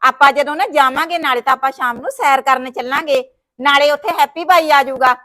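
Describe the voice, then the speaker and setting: In a village short film, a woman with a Punjabi accent plays a fretful sister-in-law looking after her brother's wife, scolding and wailing dramatically. Her voice sits high and is bright and forceful, at a slightly fast pace.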